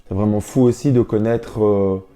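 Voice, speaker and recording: Being interviewed as a guest, a young basketball pro talks casually and thoughtfully, often repeating words mid-sentence. His voice is lowish and warm, with fairly even intonation and a normal speaking speed.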